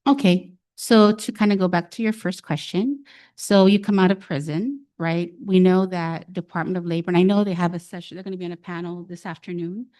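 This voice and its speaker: A woman's voice: lowish voice, fairly even intonation, fairly quick, darkish tone. Woman carefully explaining benefit rules. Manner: explanatory, careful, repeats "again". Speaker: panelist on public benefits. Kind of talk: explaining at a public panel.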